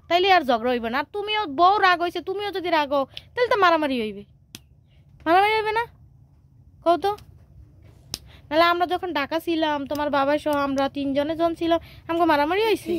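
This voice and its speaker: Fast-talking high-voiced young mother. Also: animated, no room sound. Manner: patient, explaining at length in a coaxing tone. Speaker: mother advising her young son. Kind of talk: casual home chat.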